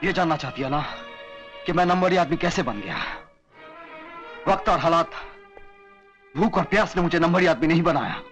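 A young hero in a dramatic film, making his declarations with heavy intensity. His voice is bright and gravelly, with soft music underneath. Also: very high-pitched, full character voice. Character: brooding noble thief hero, young man. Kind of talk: Hindi film acting.

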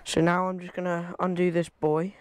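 A man's voice: sits high, monotone, normal speed, smooth, dry recording. Chatty young man working in a shed. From England. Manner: chatty, rambling, talks while working with hands. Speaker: fishing vlogger. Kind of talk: casual vlog commentary. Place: cluttered wooden garden shed. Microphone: clip-on lapel mic.

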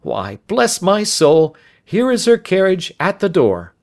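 A man's voice: high-pitched, wildly swooping pitch, slow pace, creaky, pitched above the performer's own voice, exaggerated voice. A man voicing a lean, sly, self-satisfied Scotland Yard inspector in an audiobook, with a cocksure, indulgent manner. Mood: smug, indulgent.

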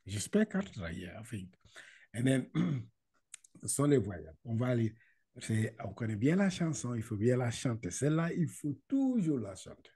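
A man's voice: medium pitch, sing-song, normal speed, warm tone, breathy edge. A man teaching how to read the Quran over a video call. He talks casually, laughs often, repeats syllables and slips into English. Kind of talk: casual online lesson.

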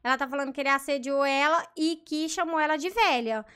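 A woman with a Brazilian Portuguese accent commentates her Roblox gameplay with casual excitement, gasping often and reading the other players' chat aloud. Her voice is high and her pace quick.

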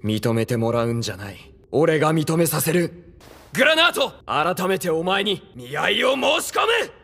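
A man's voice: fairly high pitch, sing-song, fairly quick, a bit bright, long reverb tail, heavily acted. A man playing an earnest, determined young hero in an anime, intense and resolute, acted in Japanese style. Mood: defiant.

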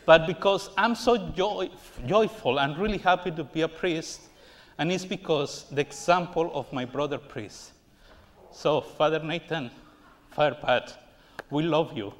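Slow, high-voiced priest preaching. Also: male voice. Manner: slow, earnest preaching with playful self-mocking jokes. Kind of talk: homily. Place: large church sanctuary, standing before the altar. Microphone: far camera at the back of the church.

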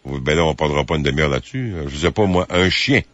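A man hosting a late-night phone-in radio show, speaking in a measured, hesitant way with many fillers. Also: extremely low pitch, animated, fairly bright tone, no room sound. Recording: muffled broadcast audio.

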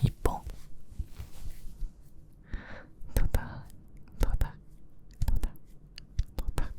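A man playing a sweet, doting boyfriend in a whispered role-play, murmuring tenderly and softly to his girlfriend with a breathy voice. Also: takes it slowly, natural voice. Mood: gently teasing. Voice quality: soft, breathy. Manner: tender, affectionate, teasing murmur.

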